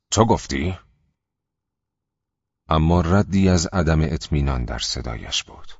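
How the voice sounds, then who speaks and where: An audiobook narrator with an extremely deep, slightly breathy voice reads a script in a measured, steady manner. The recording is dry, with no room sound, and sounds a bit dull and lo-fi.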